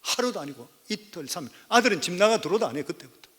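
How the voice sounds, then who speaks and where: A man's voice: high voice, sing-song, rapid-fire, fairly bright tone. A man in his fifties, a senior pastor, preaching a sermon, telling a story and then urging the congregation emphatically. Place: church sanctuary. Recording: church hall reverb.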